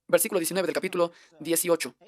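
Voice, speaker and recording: A man preaching a translated sermon at a rapid clip. He presses his points with rhetorical question after question. The recording is close and dry, with no room sound. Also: on the high side, steady tone, dry recording. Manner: emphatic, fires off rhetorical questions.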